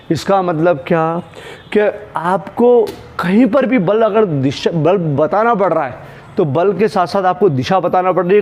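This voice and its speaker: A man's voice: sits high, lo-fi sound. A male physics teacher giving a classroom lecture. He keeps asking his students questions and answering them himself. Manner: calls students "beta" and "bhaiya", handles props while explaining.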